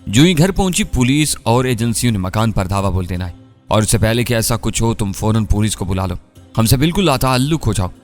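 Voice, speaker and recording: A man reading an audiobook voices a calm, teasing young woman who soothes and persuades. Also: on the low side, brisk, soft background music, natural voice. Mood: soothing.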